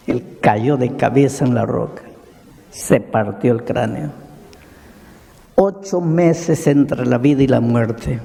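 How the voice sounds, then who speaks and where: A man preaching a sermon as a pastor, telling a story slowly and dramatically with repeated lists and rhetorical questions. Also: mid-range voice, vocal fry, warm tone, big-room sound.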